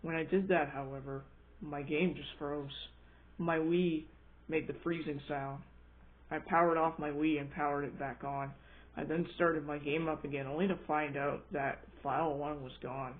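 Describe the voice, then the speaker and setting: A man's voice: a little high, steady tone, moderate pace. A man reading out a scripted first-person horror story, now and then stumbling over his words. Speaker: creepypasta narrator. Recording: thin, phone-like narrow band.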